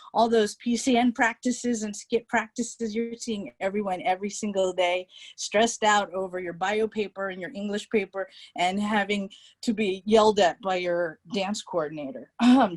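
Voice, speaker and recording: A middle-aged woman from California reminiscing casually about her college years on a video call, pausing often with ums and restarts. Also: medium pitch. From California, United States. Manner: hesitant, many ums and restarts. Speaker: alumni panelist.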